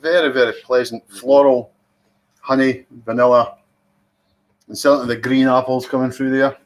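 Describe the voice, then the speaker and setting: A man's voice: mid-range voice, little pitch movement, normal speed. A Scottish man hosting a whisky tasting, talking in a chatty, teasing way and savouring his descriptions. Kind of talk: casual tasting commentary.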